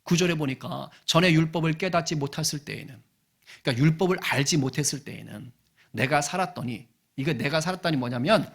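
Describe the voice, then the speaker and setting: A middle-aged male pastor delivers a sermon in a church, his voice husky and a little high for a man. He preaches conversationally, firing rhetorical questions at the congregation and swinging between loud bursts and hushed asides. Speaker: senior pastor. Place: church sanctuary.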